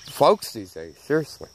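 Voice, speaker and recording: A man's voice: medium pitch, husky. Southern man talking through missing front teeth. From Southern United States. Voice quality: missing front teeth, slightly slurred sibilants. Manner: folksy, emphatic, repeats phrases. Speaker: channel host. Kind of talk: casual opinion rant to camera.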